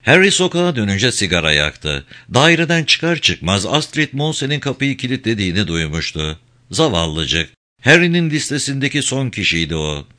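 Expressive male audiobook narrator. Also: mid-range voice, moderate pace. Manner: expressive reading with voiced dialogue. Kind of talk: scripted narration.

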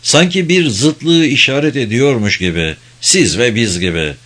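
A man narrating an audiobook in a measured storytelling manner. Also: mid-range voice, animated, a bit bright.

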